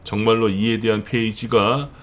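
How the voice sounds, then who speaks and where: A man's voice: lowish voice, fairly even intonation, moderate pace. A middle-aged man from the Seoul area hosting his own channel, giving a chatty monologue full of fillers and emphatic repetition. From northern Gyeonggi and Seoul, South Korea. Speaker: channel host. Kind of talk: monologue commentary.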